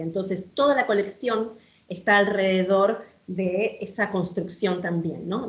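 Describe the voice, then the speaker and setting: A middle-aged woman, presenting a children's book collection in an enthusiastic, explanatory way. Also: medium pitch. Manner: enthusiastic, explanatory, with frequent fillers. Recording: dull, echoey room sound.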